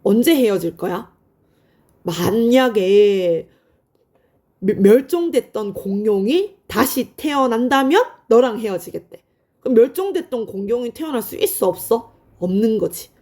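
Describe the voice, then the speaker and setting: A woman teaching high school literature in an online lecture, explaining in a friendly, chatty way and answering her own questions. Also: expressive, normal speed, dark tone. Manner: asks students questions and answers them herself.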